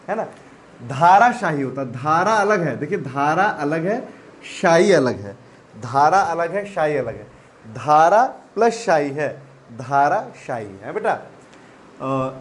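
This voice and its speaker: Guy teaching spelling, kinda high voice, says every word twice, bit of hiss in the room. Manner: repeats each word slowly, addresses students as children. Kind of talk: classroom-style spelling lesson.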